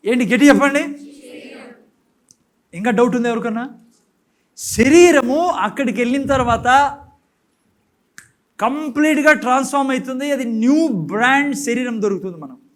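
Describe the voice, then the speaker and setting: A male pastor preaching a sermon, quizzing the congregation, urging loud answers and mixing in English. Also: very high-pitched, animated, moderate pace, long pauses.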